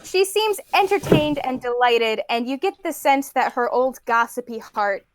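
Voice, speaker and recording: High-voiced woman narrating a tabletop game. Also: lively intonation, normal speed, noisy background. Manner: chatty, with fillers. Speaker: game master.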